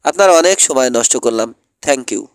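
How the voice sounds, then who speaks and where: A man's voice: medium pitch, expressive, normal speed, dry recording, studio quality, close to an everyday voice. A man voicing a clever, polite teenage boy detective who speaks earnestly.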